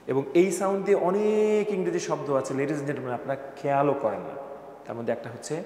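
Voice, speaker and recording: A male teacher with a mellow, higher-pitched voice and a slightly quick pace gives a playful classroom lesson on English pronunciation, joking and quizzing students by name. The room is echoey with long reverb and faint background noise.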